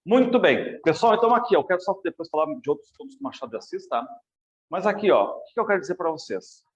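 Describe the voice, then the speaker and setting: Brazilian guy teaching lit review class, kinda high voice, keeps checking w students, muffled lo-fi audio. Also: fast talker. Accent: Brazilian Portuguese. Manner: lively, addresses students directly with frequent checks. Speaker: literature teacher. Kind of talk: exam review lecture.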